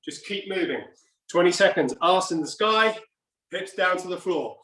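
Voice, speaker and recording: This middle-aged man is a fitness coach giving live HIIT instruction in a home gym, exercising while he barks short, urgent commands and countdowns with high energy. He has a high voice at a moderate pace. The recording, from a camera a few steps away, sounds distant with a roomy echo.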